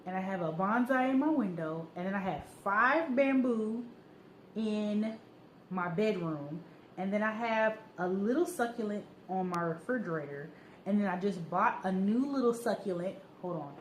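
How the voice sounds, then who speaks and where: A woman's voice: mid-range voice, moderate pace. Chatty woman vlogger in an echoey room. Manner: chatty, excitable, rambling. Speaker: sewing vlogger. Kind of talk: casual vlog chat. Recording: roomy echo, faint background noise.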